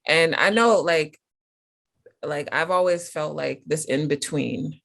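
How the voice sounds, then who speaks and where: An American woman hosts a casual interview in a low, slow, creaky voice with a fairly bright tone. Her questions ramble, packed with "like" and "um."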